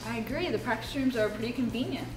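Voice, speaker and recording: A woman's voice: a little high, lively intonation, fast talker, noisy background. A teenage girl interviewing classmates for school news, upbeat. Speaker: student interviewer. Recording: echoey classroom.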